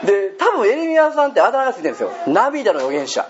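Chatty Japanese-speaking pastor, lively pitch. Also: male voice, racing. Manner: chatty, asks the congregation questions and jokes. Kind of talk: sermon. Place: church hall. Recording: dull lo-fi recording with faint hiss.

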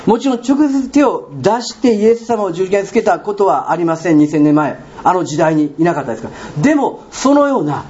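A man with a Kansai accent preaching a sermon as a pastor, telling a story with animated sound words and questions to the congregation. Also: high voice. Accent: Kansai Japanese. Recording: dull lo-fi recording with faint room noise.

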